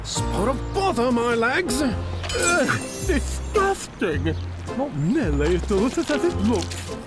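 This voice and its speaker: A man's voice: very high voice, sing-song, slow, heavily acted. A man voicing a pompous, fussy and jaunty groom in a video game. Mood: fussy, disgusted. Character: jaunty, evasive pompous groom doting on his bride. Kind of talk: video game character acting. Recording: loud music behind the voice.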